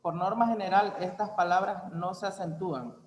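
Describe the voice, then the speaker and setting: A young adult man giving a university class presentation, reading an explanation in careful, measured phrases. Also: high voice, a little hiss or hum. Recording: echoey room with long reverb.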